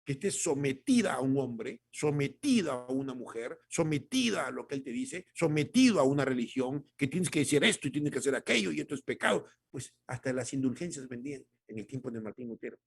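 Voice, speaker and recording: A male pastor preaching a devotional sermon. He calls his listeners brothers, repeats phrases for emphasis and moves between loud exhortation and quiet, low remarks. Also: lively intonation, brisk, vocal fry, hardly any pauses, husky. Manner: swings from loud exhortation to soft, low delivery.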